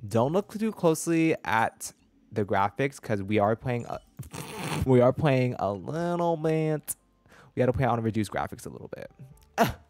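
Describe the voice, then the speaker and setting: A man in his twenties, streaming games, chats casually into a desk mic held close to his mouth, rambling and cutting himself off mid-thought. His voice sits in the mid range with a darkish tone, animated and at a moderate pace. He's in a small indoor room with no echo, game music playing behind him.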